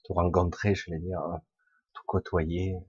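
A man with a hoarse, husky, chesty voice recovering from a cough, giving a rambling, blunt, informal monologue to his followers, with casual swearing. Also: low voice, level tone, unhurried, highs cut off, noisy background. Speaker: spiritual vlogger speaking to followers.

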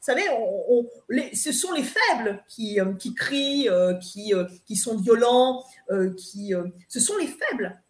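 Cast note: emphatic woman coach, high voice, roomy echo, lecturing with frequent fillers. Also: animated, unhurried, hardly any pauses. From eastern France. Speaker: spiritual coach guest. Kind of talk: live advice talk.

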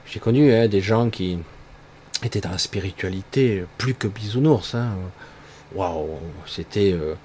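Low-voiced rambling man, faint noise behind. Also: measured pace, darkish tone. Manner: rambling, with many fillers and tag words. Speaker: spiritual speaker. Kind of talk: casual spiritual monologue.

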